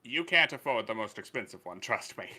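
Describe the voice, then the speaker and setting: A man voicing a small male gnome tinkerer who runs a shop and haggles in a brisk, businesslike way. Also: lowish voice, expressive, sharp tone, voice pushed down, exaggerated voice.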